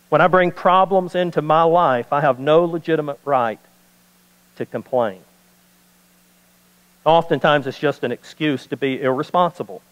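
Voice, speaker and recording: A man's voice: a little high, in a large hall, lo-fi sound. A man preaching a sermon as pastor, repeating key points for emphasis.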